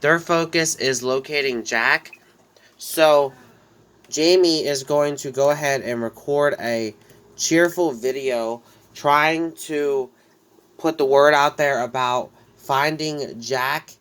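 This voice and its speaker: This gameplay narrator has a head cold that makes him a bit nasal. He tells his life-sim story in a loose, rambling let's-play style full of restarts, his slightly high voice slow, clean, and fairly bright.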